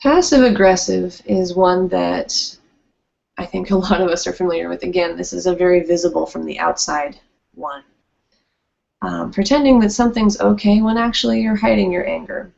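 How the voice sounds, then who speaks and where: Giving a workshop talk on workplace conflict, a woman illustrates her points with acted-out quotes in a conversational way. She speaks at normal speed in a low, creaky, darkish voice, and the recording sounds dull and lo-fi.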